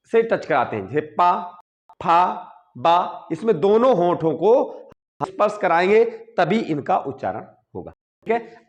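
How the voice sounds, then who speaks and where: High, lively-voiced male teacher. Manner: explains patiently, checks in with "ठीक है" often, sounds out syllables slowly. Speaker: Hindi grammar teacher. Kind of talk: classroom-style explanation.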